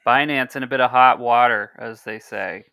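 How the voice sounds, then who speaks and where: This podcast host, a man in his thirties, has a mid-range voice that is gravelly, bright, forceful, clear and resonant, at a moderate pace in a dry recording. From a home room on a video call, wearing a headset mic, he rambles loosely and reads news and sponsor copy aloud with small slips.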